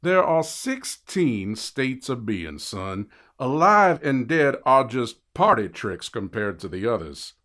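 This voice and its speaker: A man voicing a mocking, cigar-smoking Satan in an audiobook, with a slow, drawn-out, folksy delivery. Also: mid-range voice, very animated, a bit bright. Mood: amused, unhurried.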